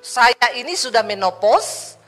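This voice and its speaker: Woman preacher doing a fed-up old wife, blunt, doubting, fairly high voice. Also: animated, takes it slowly, fairly bright tone, big-room sound, faint music behind. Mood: exasperated. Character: aged wife, doubtful and blunt with her husband.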